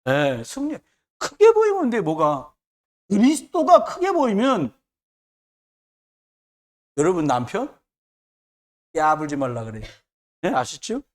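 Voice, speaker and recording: Lively high-voiced male preacher. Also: slow, pauses often. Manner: emphatic, repetitive preaching with joking asides. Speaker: pastor. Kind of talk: sermon.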